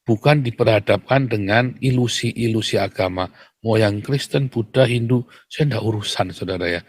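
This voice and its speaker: A man's voice: moderate pace, no echo. Provocative preaching man, dry sound. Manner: provocative, repeatedly asks the audience and answers himself; swings between loud emphatic bursts and low mutters. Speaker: preacher addressing an audience. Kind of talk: preaching monologue.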